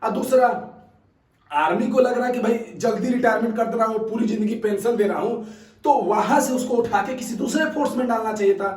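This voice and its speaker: High-voiced man ranting in an echoey room. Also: brisk, darkish tone, distant mic. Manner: conversational, keeps asking "haan?" to viewers; emphatic, repeats points. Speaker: fitness academy coach and channel host. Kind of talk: casual opinion talk to camera. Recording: roomy echo, voice set back from mic.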